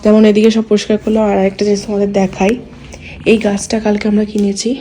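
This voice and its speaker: A young woman chats casually in a home vlog, talking softly and quietly with rambling fillers and restarts. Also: mid-range voice, completely flat delivery, quick pace. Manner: speaks softly and quietly so as not to wake her sleeping son. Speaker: vlogger. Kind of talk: casual daily-life vlog chat.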